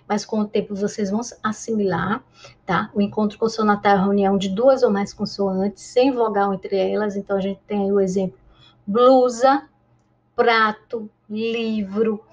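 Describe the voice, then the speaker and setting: A Brazilian woman teaching a primary school lesson, drawing out each syllable slowly and answering imagined pupils' objections. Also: medium pitch. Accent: Brazilian Portuguese. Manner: slow, drawn-out syllable-by-syllable pronunciation. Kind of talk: classroom lesson.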